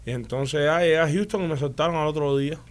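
Talking fast in a slightly high voice, this man with a Cuban Spanish accent shares his experiences as a guest in a casual interview. He's an animated storyteller who restarts his sentences a lot and keeps checking in with "¿me entiendes?".

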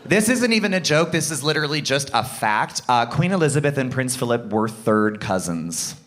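A man from Canada in his thirties performing a stand-up comedy set, animated and slipping into mock voices. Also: medium pitch, normal speed. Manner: animated, does mock voices, laughs often. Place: live comedy stage with audience.

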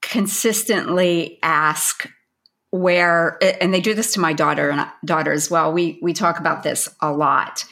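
Woman, middle-aged, from Pennsylvania, podcast co-host, casual chat, bright tone, chatty, laughs often. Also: deep voice, fairly even intonation, a little slow, vocal fry. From Pennsylvania, United States.

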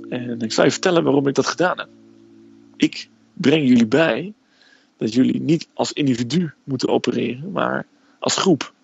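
A man's voice: medium pitch, normal speed, gravelly, husky, dull audio, heavily acted. Man doing a barking army sergeant. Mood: stern. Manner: barking orders, blunt. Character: stern shouting male army sergeant.

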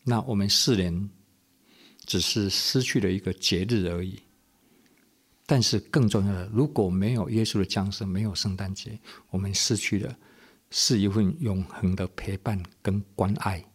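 A man, a pastor and radio host, giving an earnest, measured sermon and repeating phrases for emphasis. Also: lowish voice, husky.

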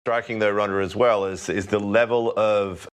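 Low-voiced man moderating a panel. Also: steady tone, moderate pace, clean tone. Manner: long winding questions, thinking aloud.

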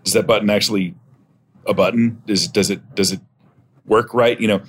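A middle-aged man with a fairly low voice, speaking as a podcast guest. His talk is casual and explanatory, over faint background noise. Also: steady tone, moderate pace. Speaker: podcast guest, software testing expert.

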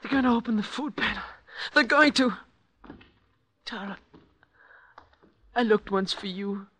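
A woman's voice: medium pitch, a little slow, bright, forceful tone, a little hiss or hum. A woman playing an anxious, pleading fellow prisoner in a radio drama. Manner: breathless, pleading.

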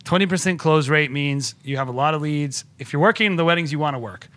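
A man's voice: on the high side, quick pace, fairly bright tone. A man guesting on a podcast, talking shop enthusiastically in a rambling way with many restarts. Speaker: podcast guest, wedding filmmaker. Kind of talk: casual podcast conversation.

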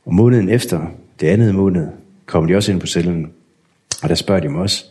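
A man telling his personal story in a candid, unhurried way, acting out remembered conversations. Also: deep voice, darkish tone. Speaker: guest sharing a testimony.

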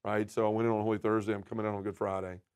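A man telling his personal testimony as a podcast guest, earnest and emotional, often dropping to a soft, quiet voice. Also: lowish voice, little pitch movement, rapid-fire, clean tone.

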